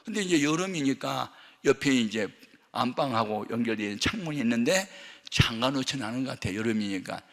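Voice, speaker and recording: An older man preaching a sermon as a pastor, telling a story with lively acted-out voices and sudden shouts. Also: mid-range voice, a little fast. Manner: animated, acts out dialogue, shouts at peaks. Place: large church hall. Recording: long hall reverb.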